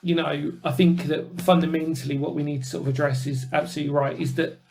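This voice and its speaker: A man's voice: a little high, little pitch movement, fast talker, gravelly. A British man hosting a casual panel discussion in an informal, emphatic and appreciative way. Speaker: host.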